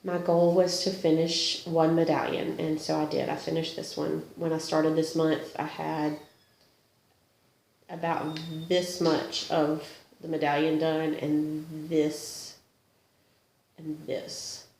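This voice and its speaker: Speaking slowly in a low, gravelly, darkish voice that barely changes pitch, a sniffly woman with a mild cold chats about her cross-stitch, laughing often and making fun of herself. The show-and-tell is recorded in an echoey room with slight background noise.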